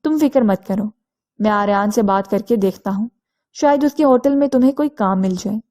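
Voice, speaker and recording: A woman's voice: medium pitch, darkish tone, lightly acted. A woman voicing a polite male hotel guest who speaks in a friendly, reassuring way.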